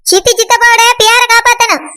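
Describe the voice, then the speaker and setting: A woman voicing a stern older cousin in a cartoon, lecturing briskly. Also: very high voice, steady tone, sharp tone.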